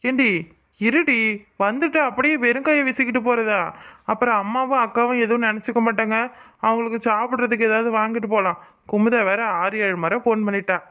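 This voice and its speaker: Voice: medium pitch, steady tone, fairly quick, bright, forceful tone, lightly acted. A voice actor playing a boastful, playful young husband in a cartoon, bragging and joking with his wife. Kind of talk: cartoon voice acting.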